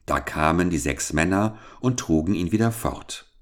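A man reading a fairy tale aloud for children in a calm, measured storytelling manner. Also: sits low.

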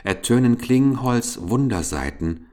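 A man voicing a gentle young maiden servant who speaks softly in rhymes, read aloud from a fairy-tale book. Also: mid-range voice, animated, unhurried, pitched above the performer's own voice, close to an everyday voice. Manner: soft, gentle, sing-song rhyming speech. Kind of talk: storybook reading.

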